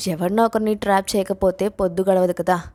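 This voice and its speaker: A woman's voice: medium pitch, fairly even intonation, fairly quick, mellow, lightly acted. A woman reading a story voices a spiteful young female college bully with a taunting, contemptuous manner. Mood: scornful.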